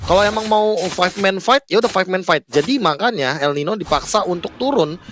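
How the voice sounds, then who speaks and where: Brisk Indonesian male esports analyst. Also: high voice, lively intonation, fairly bright tone, slight background noise. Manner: emphatic, repeats key phrases. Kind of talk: live analytical esports commentary.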